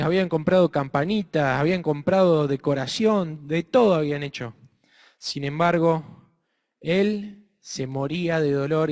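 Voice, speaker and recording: Argentine man telling a story in a hall. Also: a little high. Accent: Argentine Spanish. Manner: expressive, asks listeners questions. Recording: reverberant hall.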